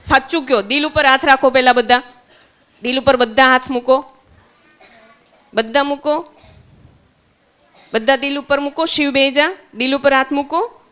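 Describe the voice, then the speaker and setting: A woman's voice: high-pitched, unhurried, long pauses, fairly bright tone. A woman with a Gujarati accent, teaching young children at a summer camp, asking them questions and answering them herself. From Gujarat, India.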